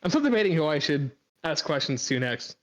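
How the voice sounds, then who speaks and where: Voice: medium pitch, sing-song, fairly quick, slight background noise, low-quality recording. A game master chatting casually with the players during a break, making wry, dry jokes.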